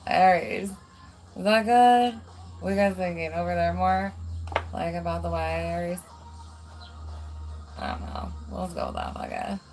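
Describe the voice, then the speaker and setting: A woman's voice: lowish voice, big pitch swings, moderate pace, pauses often. A woman doing a casual live tarot reading. She chats loosely and swears freely, with many "um"s and "like"s. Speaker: tarot reader.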